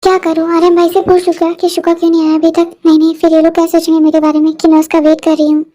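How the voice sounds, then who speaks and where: A very high-voiced reader playing a young woman anxiously arguing with herself. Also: completely flat delivery, racing, mellow. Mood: fretful. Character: fretful young woman waiting for someone.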